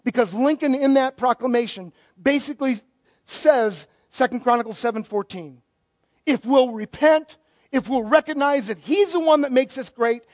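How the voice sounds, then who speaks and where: A man's voice: very high-pitched, normal speed, darkish tone, no room sound. A middle-aged male pastor giving a conversational sermon with joking asides. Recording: dull, dry lo-fi recording.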